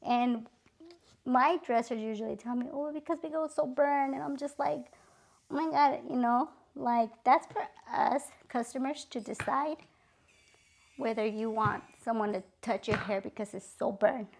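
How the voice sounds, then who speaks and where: A woman's voice: on the high side, a little slow, creaky. A middle-aged woman vlogger telling a story casually, chatty and exasperated, full of "like" and "literally". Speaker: beauty vlogger.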